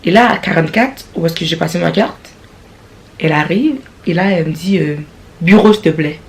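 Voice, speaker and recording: A young woman with a Quebec French accent telling a storytime vlog, sassy and animated, slipping English slang into her talk. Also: on the low side, a little fast, gravelly, a little hiss or hum. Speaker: vlogger.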